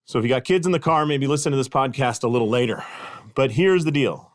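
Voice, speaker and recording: A man's voice: mid-range voice, fast talker, no room sound, studio quality. A middle-aged man hosting a podcast, telling a casual story with self-deprecating humor and frequent fillers. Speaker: podcast host and clinic consultant. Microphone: podcast microphone.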